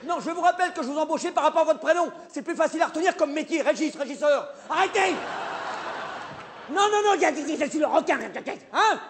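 A man's voice: very high voice, fast talker. A man playing a stammering, flustered theatre director. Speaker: comic stage performer. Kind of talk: live stand-up sketch. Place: theatre stage with live audience. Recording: live stage recording, audience noise.

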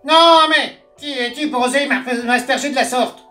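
A woman's voice: sits high, brisk, fairly bright tone, voice pushed up. A woman voicing a shrieking, indignant parrot in a storybook reading. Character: shrill, indignant thirsty parrot. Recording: roomy, distant mic, faint guitar.

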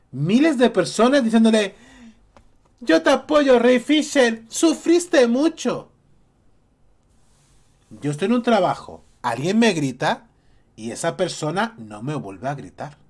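A man rants to camera as a YouTube commentator in a high, sing-song voice at a moderate pace. He's indignant, repeating his points and mocking others in quotes as he gives his opinions.

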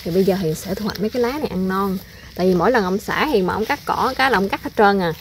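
Speaking rapid-fire at a medium pitch, this woman comes through with a little hiss or hum. A mother and vlogger, she picks in her home garden outdoors and chats casually with her viewers, turning to them frequently.

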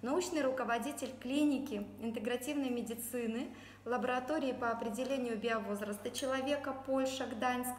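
A woman's voice: fairly high pitch, brisk. A woman hosting an interview in a conversational style. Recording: echoey room with faint background noise.

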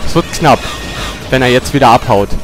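A man commenting on his own gameplay, grumbling and cursing at the game, with loud yelps and outbursts whenever he gets hit. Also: mid-range voice, a little fast, music in the background. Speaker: let's player. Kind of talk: gaming commentary.

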